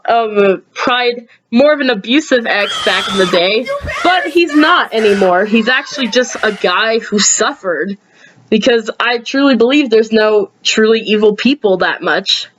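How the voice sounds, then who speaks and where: A woman casually rambling through reviews of her own videos, sleepy and yawning, with lots of ums and sudden jumps in pitch. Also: fairly bright tone, dull audio.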